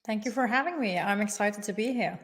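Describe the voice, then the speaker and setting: A young adult woman from Norway gives interview answers as a guest, formal and careful. She speaks at a middle pitch in a measured way, using careful connectives.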